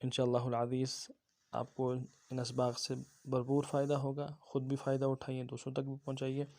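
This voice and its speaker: A man teaching Quran reading in an online lesson with a Pakistani Urdu accent, drawing out syllables slowly as drills. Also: mid-range voice, monotone, darkish tone. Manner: slow drawn-out syllable drills.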